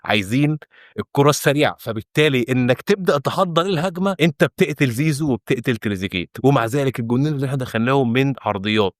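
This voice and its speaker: A man's voice: medium pitch, dry recording, studio quality. A young Egyptian man ranting in frustration as a football fan reacting to a match. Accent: Egyptian Arabic. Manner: frustrated, exasperated, rapid and insistent. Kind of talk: heated fan reaction rant.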